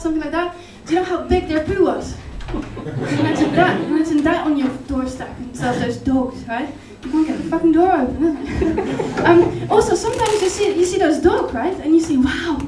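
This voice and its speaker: A Dutch stand-up comedian with a high voice rambles through her set on a comedy club stage, hesitating often and dropping deadpan, absurd asides. She sounds distant from the microphone in an echoey room, with loud background noise and audience laughter.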